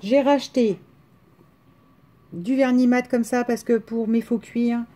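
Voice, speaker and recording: A French vlogger with a rural accent walks viewers through a craft haul in casual, rambling fashion, with hesitations and restarts. She speaks slowly in a warm, fairly high voice with fairly even intonation.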